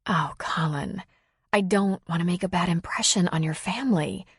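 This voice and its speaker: A woman voicing a playful young woman who speaks in a light, teasing, soft way. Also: fairly low pitch, normal speed, husky, no echo, clean studio sound.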